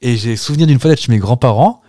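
A man's voice: mid-range voice, quick pace, mellow, no room sound, studio quality. A man co-hosting a casual podcast chat, playful and jokey, blurting out guesses. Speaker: podcast co-host.

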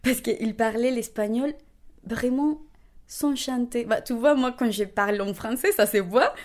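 A young woman in her twenties from Colombia, speaking French with a Colombian Spanish accent, telling her story in an animated way with frequent restarts and laughter. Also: on the high side, measured pace. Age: 20s. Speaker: interviewee. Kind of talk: conversational testimony.

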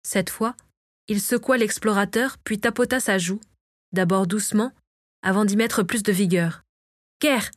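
A woman narrating a fantasy novel in a steady, measured reading. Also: medium pitch, no room sound, clean studio sound. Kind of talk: audiobook narration.

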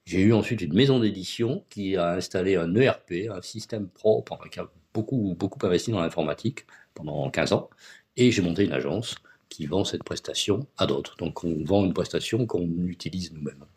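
A man's voice: low-pitched, normal speed, darkish tone. A man being interviewed as a guest on a podcast, explaining things step by step with concrete examples. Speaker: guest, agency founder.

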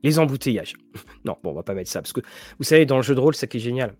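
A man's voice: medium pitch, animated, rapid-fire, a little mellow, slightly rough, no echo, soft background music. Rambling man chatting to viewers. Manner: rambling, frequent restarts and fillers. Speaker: tabletop RPG and series show host. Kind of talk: casual chat to viewers.

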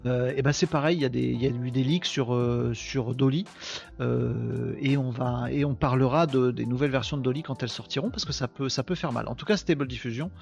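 This live podcast host talks to his chat in a casual, joking, self-deprecating way, his speech carrying traces of a Picard (ch'ti) accent. The voice is medium-pitched, fairly quick, gravelly and a little mellow, and faint music plays behind it.

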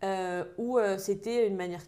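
A young woman from Paris talks casually in an interview about her design work. She tells her stories in a lively way, acts out what other people said, and fills her sentences with little hesitations. Her voice sits at an ordinary middle pitch for a woman. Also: unhurried. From Paris, France. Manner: lively storyteller, acts out others' lines, many fillers. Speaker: designer guest.

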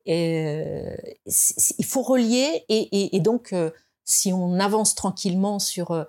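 A woman from France speaking as a guest in an interview, reflective and hesitant, with many fillers and restarts, and rising in pitch to stress her points. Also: unhurried, warm tone. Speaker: design expert guest. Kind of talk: conversational interview.

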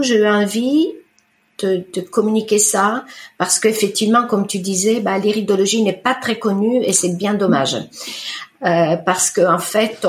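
A middle-aged woman whose first language is Italian speaks in a fairly low voice as an iridologist guest in a conversational interview about her work. She's hesitant, pausing often with many fillers and restarts, and the recording has a roomy echo.

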